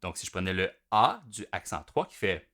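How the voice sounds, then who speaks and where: A man with a Québécois French accent teaching drums, explaining each step in a relaxed way as he demonstrates at the kit. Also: low-pitched, normal speed, faint music behind. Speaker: drum teacher. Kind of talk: explanatory music lesson. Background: loud drum kit playing between phrases.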